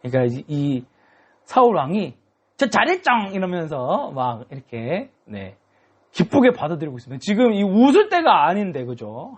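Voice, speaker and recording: A young man preaches to children in a high, lively voice that leaps up and down. He tells the story with lots of animation and keeps checking in with the kids. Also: breathy edge. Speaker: children's ministry pastor. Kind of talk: children's sermon.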